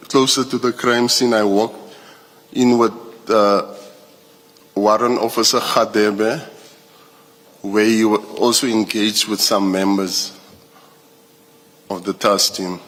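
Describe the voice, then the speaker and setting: A man's voice: on the low side, a bit bright. A man with a South African accent giving formal testimony as a police witness, hesitant, often restarting his phrases. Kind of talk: formal testimony at a commission hearing. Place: large indoor hearing room. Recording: echoey hearing room, long reverb.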